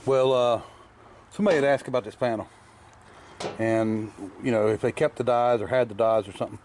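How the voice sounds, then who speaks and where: In a workshop garage, a car restorer narrates a casual shop vlog about his restoration work, chewing candy as he rambles in a plainspoken way with plenty of fillers. His voice is medium-pitched and darkish, with a steady tone and brisk pace, and there is slight background noise.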